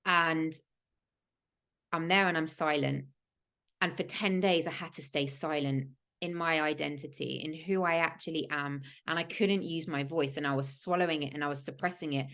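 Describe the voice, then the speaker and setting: Low-voiced woman telling a story. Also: steady tone, moderate pace, a bit bright. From England. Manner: earnest and emphatic, many "like" fillers and repeated words. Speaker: host of a spiritual podcast. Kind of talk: personal storytelling livestream.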